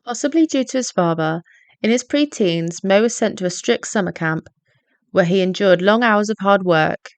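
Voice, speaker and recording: A woman narrates a scripted video essay in a measured, explanatory manner. Her pitch sits in the middle. The recording is close and dry, with no room sound. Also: dry recording.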